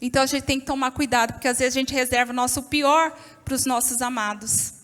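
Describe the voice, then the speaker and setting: A Brazilian woman speaking at a church women's event, telling stories lively and expressively and talking straight to the audience. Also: high voice, a little fast, faint music behind. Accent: Brazilian Portuguese. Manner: lively, expressive storytelling, addresses the audience directly. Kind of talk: storytelling church talk. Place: church hall. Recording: long reverb of a church hall.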